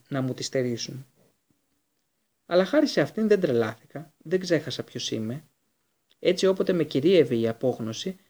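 A male audiobook reader voices a storybook character, a fierce and bitter escaped prisoner who speaks with intense, accusing weight. His voice is mellow and husky, pitched slightly high, and the mood is reflective.

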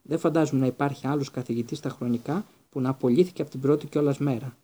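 A man doing a drunk, gloomy giant gamekeeper in a storybook reading. The voice is dark and hoarse, with a husky edge, and stays in a miserable, self-blaming tone. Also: mid-range voice, fairly even intonation, lightly acted.

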